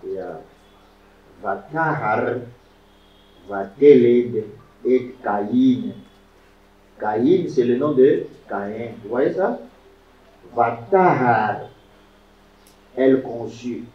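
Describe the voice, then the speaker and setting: Slow, animated teacher in an echoey classroom. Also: male voice, mid-range voice. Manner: animated, emphatic teacher pronouncing Hebrew words syllable by syllable. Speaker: Hebrew teacher. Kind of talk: classroom lecture. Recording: echoey room, distant mic, dull lo-fi sound.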